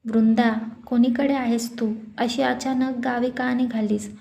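A woman's voice: a little high, level tone, a little slow, vocal fry, dark tone, slight background noise. A woman voicing a caring, anxious young husband on the phone. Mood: concerned.

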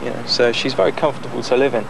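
A young man talks easily about his own project, relaxed and a little cheeky, laughing between thoughts. He is recorded outdoors on a boat deck, and the 1990s news tape carries a clear layer of wind and water noise. His pitch sits mid-range for a man. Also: rapid-fire. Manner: relaxed, chatty, laughs often, many fillers. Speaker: amateur boat builder. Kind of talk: casual interview.

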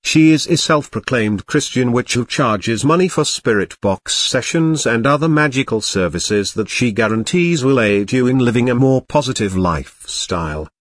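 A man narrating scripted commentary as host in a formal, deadpan way. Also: mid-range voice, moderate pace, few pauses, no echo, studio quality.

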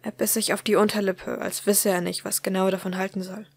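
A woman reading a story aloud as an audiobook in a calm, even manner. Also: medium pitch, quick pace, creaky, slightly rough, dry recording. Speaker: audiobook reader. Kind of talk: scripted narration of fan fiction.

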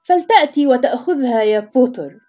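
A woman's voice: sits high, expressive, brisk, mellow, faint music behind. A woman voicing a spoiled schoolboy bully who talks in a mocking, sneering way.

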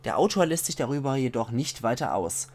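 A man's voice: mid-range voice, sing-song, a little mellow, slight background noise. Palatinate German man reading game texts. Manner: measured reading voice, slows for foreign titles. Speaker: let's play commentator. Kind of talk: reading game texts aloud with casual asides.

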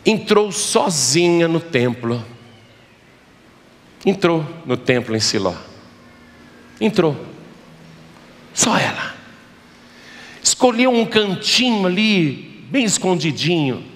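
A male pastor delivers an emotional sermon, his fairly high, gravelly voice rising to loud cries and dropping to near hushes. The sound rings with a long church reverb. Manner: dramatic preaching, swings from loud cries to hushed low tones.

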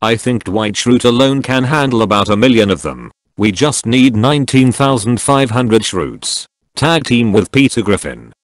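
A man narrating forum posts aloud in an even, unhurried reading delivery. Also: medium pitch, no room sound. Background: faint background music.

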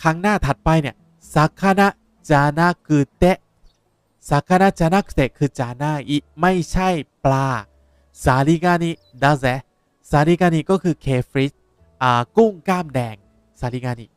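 A young man, a language teacher explaining words in a lively way while playing a game. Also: on the high side, normal speed, clean tone, dry recording. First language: Japanese. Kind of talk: game playthrough lesson.

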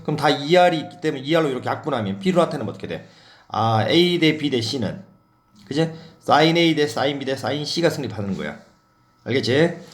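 A man teaching a math lesson at an everyday pitch. He talks through what he writes on the board and keeps checking that the listener is following, in a loose, casual way. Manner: talks through his board work while writing.

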